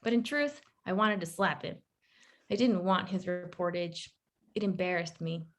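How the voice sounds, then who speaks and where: A woman author reading her own short story aloud in a measured, wry first-person narration. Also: fairly low pitch.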